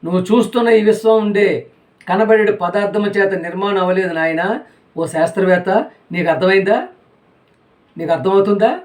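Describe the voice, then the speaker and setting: A man's voice: high-pitched, moderate pace, pauses often. A man preaches a sermon. He keeps asking his listeners rhetorical questions and says the same lines again and again for emphasis. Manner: rhetorical questions, repeats phrases.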